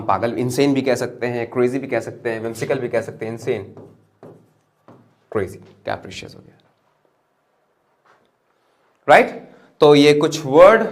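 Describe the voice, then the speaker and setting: A man teaching English vocabulary to students in a classroom-style lesson. He drills words by repeating them, asks rhetorical questions, and calls his viewers children. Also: medium pitch.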